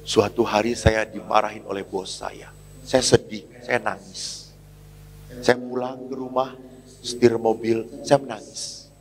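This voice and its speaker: A man voicing a grown mother who quietly confides about her sadness. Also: fairly low pitch, steady tone, measured pace. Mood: sad. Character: grown mother, sad working woman, quiet.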